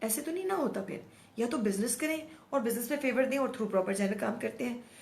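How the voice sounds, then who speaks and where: A middle-aged woman speaks in a somewhat high, hoarse voice, talking straight to her audience. She is outspoken and animated, and she slips English words into her sentences. The recording sounds echoey, as if made in a bare room without a proper microphone. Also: fairly quick. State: hoarse throat. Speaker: host. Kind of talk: casual monologue to camera.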